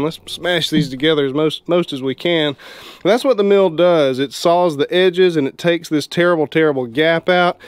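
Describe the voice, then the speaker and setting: Plainspoken man, higher voice. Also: no room sound. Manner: relaxed, plainspoken, explains as he works. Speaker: homesteading vlogger. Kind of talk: casual how-to narration. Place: open-sided shed outdoors by a sawmill.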